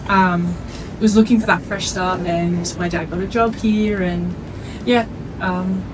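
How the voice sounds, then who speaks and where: This young adult woman, born in Iceland and raised in Australia from age three, speaks with an Australian accent. Being interviewed as a netball player, she chats casually and informally. Her voice is fairly low with a steady tone and measured pace, over a noisy background.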